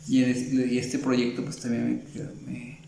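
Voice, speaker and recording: A Mexican man speaks in a gravelly, heavily creaky voice with a dark, mellow tone, his Mexican Spanish accent plain throughout. He rambles through his story in a casual interview, leaning on fillers and restarting his sentences. His voice sounds roomy, with faint background noise. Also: mid-range voice, monotone, slow pace. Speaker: illustrator guest.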